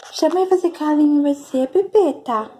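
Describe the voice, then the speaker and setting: A woman's voice: high-pitched, a little fast, mellow, slight background noise. A woman talking to her pet cat in a homemade video, switching between coaxing baby talk and firm scolding. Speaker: pet owner.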